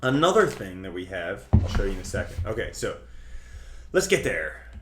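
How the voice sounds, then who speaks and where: A man who hosts a cryptocurrency trading channel explains things to his viewers in a chatty, colloquial, emphatic style. His low voice has a sing-song quality at a moderate pace, the background is noisy, and the sound is roomy and echoing.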